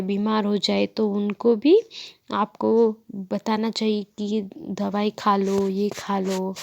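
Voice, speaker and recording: A woman's voice: medium pitch, creaky, darkish tone. A woman teacher reading a textbook story to children, asking questions and answering them herself.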